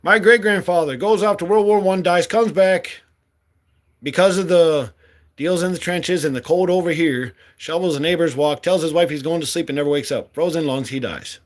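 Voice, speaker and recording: His voice on the high side and his pace moderate, a political candidate in his late forties launches into a heated, outspoken monologue. He swears freely and speaks with real fire.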